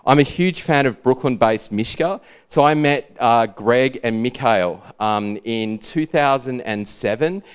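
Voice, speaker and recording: He now sounds unhurried, his mid-range voice clear and resonant. In a casual Australian drawl, he rambles on about the work he's done for his own brand.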